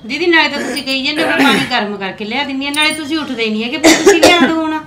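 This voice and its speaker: An actress playing a defensive young daughter-in-law who complains quickly about being blamed. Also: female voice, high-pitched, over a noisy crowd, natural voice. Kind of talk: amateur village short-film acting.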